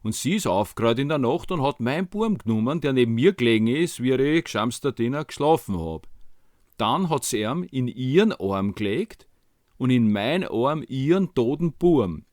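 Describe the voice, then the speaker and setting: A man's voice: medium pitch, expressive, normal speed, a little mellow, no echo, studio quality. Viennese man telling a story in dialect. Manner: colloquial, slangy Viennese dialect delivery. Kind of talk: dialect storytelling of a Bible tale.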